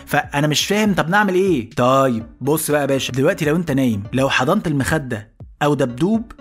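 Egyptian comedy host, quick-talking, high voice, light music behind. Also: male voice, husky. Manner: rapid, animated, jumps into voices. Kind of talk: comic storytelling monologue.

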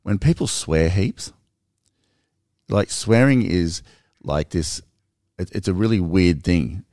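A man co-hosting a podcast, talking earnestly in casual conversation, animated and restarting his sentences as he explains. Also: low voice, slow, no echo, clean studio sound. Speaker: podcast co-host.

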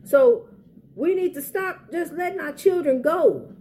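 A woman's voice: high-pitched, measured pace, mellow. A middle-aged woman with an American accent gives informal, heartfelt advice in an earnest, pleading and repetitive way. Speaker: parent speaking out in a personal public service message. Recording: faint background noise, ambient sound.

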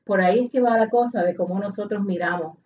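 A woman's voice: medium pitch, quick pace. A woman with a Puerto Rican Spanish accent, co-hosting a casual conversation, thoughtful and often restarting her sentences. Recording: dull audio from a distance with faint noise.

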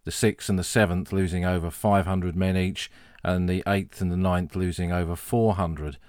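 A man hosting a history podcast, telling the story in a measured, earnest way. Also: sits low, steady tone, a little mellow, no room sound, clean studio sound.

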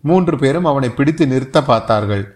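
A man narrating a historical novel as an audiobook, in a measured storytelling delivery. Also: mid-range voice, expressive, darkish tone.

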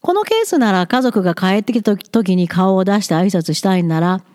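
A woman's voice: mid-range voice, animated, brisk, darkish tone, no echo, studio quality. A woman commenting on study abroad in a frank, blunt, lightly teasing advice monologue.

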